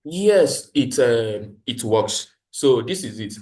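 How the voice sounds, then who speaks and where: An animated man leads a live online training, explaining steps over a screen share on a video call and restating his points. His mid-range voice has a darkish tone, and his pace is slow.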